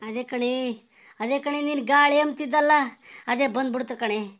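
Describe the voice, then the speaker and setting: A woman's voice: sits high, moderate pace, fairly bright tone. A woman playing a terrified villager who says a ghost is haunting them, speaking in panicked, frantic repetition.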